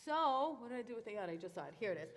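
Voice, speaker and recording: Speaking very fast with a fairly high voice and big pitch swings, a Hebrew-speaking woman from Israel explains things to a youth group in a chatty, informal way full of fillers. She's in a synagogue sanctuary, and the hall is echoey.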